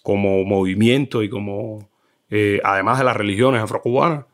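A middle-aged man with a Cuban Spanish accent, a film director chatting as a guest and telling animated stories, often mimicking how people in other regions talk. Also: on the low side, moderate pace. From Cuba. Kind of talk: casual conversation.

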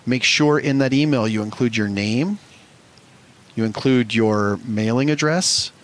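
Upbeat man hosting a live show. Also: mid-range voice. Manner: upbeat, reads winners' names slowly like an announcer. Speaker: show host. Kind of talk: live show giveaway announcements.

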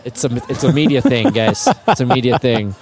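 A man's voice: mid-range voice, a little fast, darkish tone. A man co-hosting a casual podcast, easygoing and wry, with some filler words, recorded live in a brewery. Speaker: podcast co-host. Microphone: single shared microphone.

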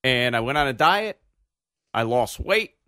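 A man's voice: mid-range voice, sing-song, unhurried, pushed and bright, smooth, no room sound, studio quality. A man hosting a podcast in casual chat, blunt and teasing toward his co-host.

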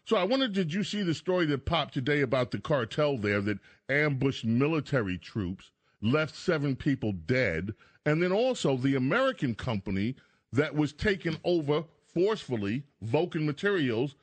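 A male talk radio host with a mid-range, animated voice, recorded dry and close. He comments on the news and banters with a sardonic, needling edge. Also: fairly high pitch, normal speed, dry recording. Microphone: close studio radio microphone.

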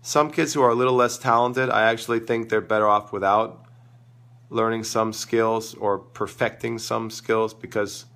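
Losing his voice to a sore throat, the coach sounds crackly and gravelly, pitched on the low side with fairly even intonation, a moderate pace and a fairly bright tone. He hosts a live online tennis show and responds to viewers in a casual, emphatic, opinionated manner.

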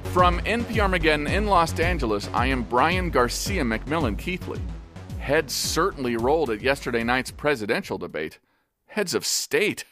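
A man playing an earnest, polished public-radio news host in a post-apocalyptic comedy, with deadpan delivery. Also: on the high side, normal speed, loud music behind the voice.

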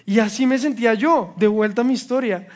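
A male pastor preaching a sermon with passion, dropping to hushed scripture reading, then building to loud, repeated refrains. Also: very high-pitched, brisk. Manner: repetitive, rhetorical refrains.

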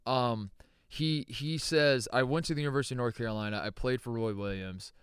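Rambling young man, smooth dry voice. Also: mid-range voice, a bit bright, no echo. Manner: rambling storyteller, quick quoted voices. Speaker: podcast co-host. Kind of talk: casual sports chat.

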